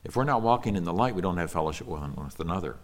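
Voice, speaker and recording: Lowish male pastor preaching Bible exposition. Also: lively intonation, rapid-fire. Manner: reads scripture aloud and acts out characters' retorts in a conversational paraphrase.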